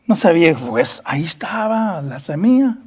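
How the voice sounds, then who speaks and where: A man's voice: on the high side, sing-song, normal speed, darkish tone, breathy edge. A man preaching a Bible study sermon as pastor, earnest, repeating words and acting out quoted dialogue, slipping between Spanish and English.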